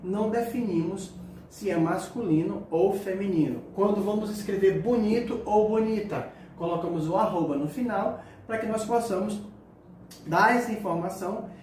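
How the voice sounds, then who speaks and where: A man teaching a sign language lesson, speaking haltingly and repeating words as he demonstrates signs. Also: sits high, a little mellow. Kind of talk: spoken lesson explaining signs. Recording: echoey distant mic with faint room noise.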